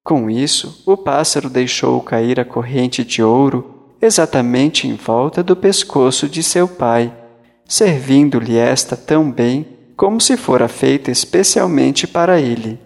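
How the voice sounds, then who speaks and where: Slow, gravelly male storyteller. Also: medium pitch, animated, in a large hall. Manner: slow, measured delivery. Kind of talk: fairy-tale reading.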